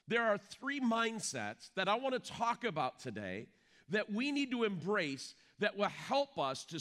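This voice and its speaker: A man's voice: high-pitched, sharp tone. A male pastor preaching a sermon in an emphatic way, putting rhetorical questions to his congregation.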